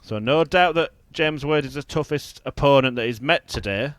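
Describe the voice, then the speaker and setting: Male darts commentator, measured and mid-pitched. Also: clear, resonant tone. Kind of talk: live sports commentary.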